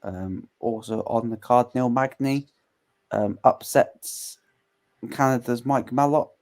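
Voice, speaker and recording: A man's voice: mid-range voice, slow, a little mellow. A young man co-hosting a live fight watchalong, chatting casually, laughing often and recapping the action for viewers who have just tuned in.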